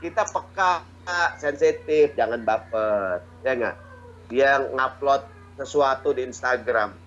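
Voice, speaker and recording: A man's voice: mid-range voice, slow, a bit bright, lo-fi sound. A man giving a casual online religious talk, joking and often asking his listeners "ya nggak?". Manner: jokey, chatty, often asks "ya nggak?"; acts out quoted dialogue. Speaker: Islamic preacher.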